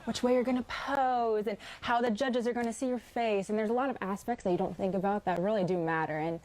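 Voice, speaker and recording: A woman's voice: medium pitch, fast talker, darkish tone, slight background noise. A woman in her twenties with an American accent, answering interview questions in a poised, upbeat pageant manner. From Indiana, United States. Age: 20s. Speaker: interview guest, pageant contestant.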